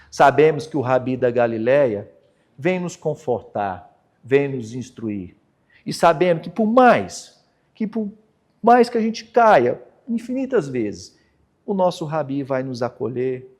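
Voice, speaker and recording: A man with a Brazilian Portuguese accent giving a conversational Spiritist lecture. He keeps checking in with the audience and moves from animated emphasis to a soft, low close. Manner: conversational preaching, tag questions. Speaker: speaker at a Spiritist center.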